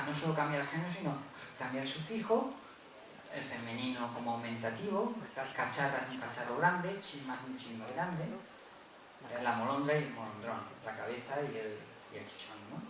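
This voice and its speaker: Male lecturer at a conference, explanatory, lots of tag questions and self-corrections, heard from a distance in a very reverberant room with steady background noise. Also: medium pitch, moderate pace. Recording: very echoey room, from far off, with noise.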